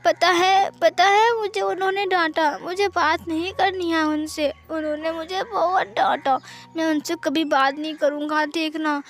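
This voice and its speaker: A woman's voice: very high-pitched, fairly bright tone, voice pushed up, full character voice. A woman doing a whiny childlike young man. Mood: tearful. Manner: whiny, pleading, drawn-out speech. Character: childlike clingy young man, tearful and sulky.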